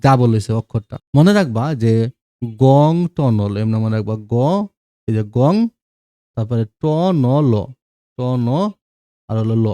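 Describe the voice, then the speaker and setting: A man's voice: mid-range voice, measured pace, long pauses, dark tone, dry recording. A man teaching a grammar lesson, repeating examples and checking whether students follow. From Bangladesh. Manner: explanatory, repeats examples, checks understanding with asides.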